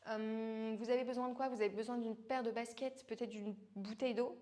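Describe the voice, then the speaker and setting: A woman's voice: on the high side, fairly even intonation, brisk, mellow. A woman leading a home workout as a fitness coach, chatty, joking and poking fun at herself between instructions. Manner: joking, chatty and self-mocking.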